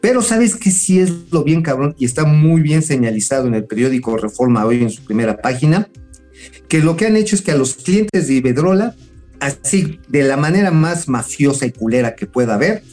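A man's voice: a little high, very animated, fairly quick, warm tone, faint music behind. A man with a Mexican accent co-hosting a political talk show, blunt and swearing freely. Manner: blunt, profane, mocking. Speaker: co-host.

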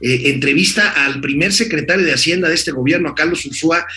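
An older man with a Mexican accent, his voice high and bright. He talks fast and loose on a political talk show and reads out comments from listeners. Faint music plays behind him. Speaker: co-host.

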